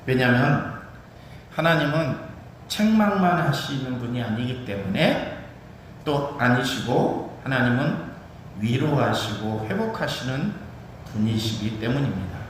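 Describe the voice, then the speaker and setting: A pastor preaching a sermon in a church, with emphatic swells and drawn-out stressed words. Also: male voice, mid-range voice, expressive. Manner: emphatic preaching with sudden rises and slowed stresses. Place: church sanctuary. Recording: very echoey hall with faint noise.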